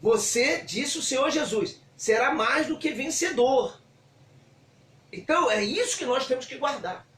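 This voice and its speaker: Fervent preacher. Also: male voice, very high-pitched, expressive, measured pace. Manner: fervent, swings from hushed to shouting. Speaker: bishop preaching. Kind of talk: sermon. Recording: echoey room, voice from far off.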